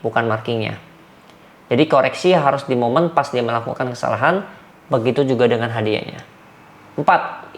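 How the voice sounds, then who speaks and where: A man, a dog trainer giving numbered training tips and acting out sharp commands. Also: mid-range voice. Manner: numbered points, demonstrates commands with sharp shouts.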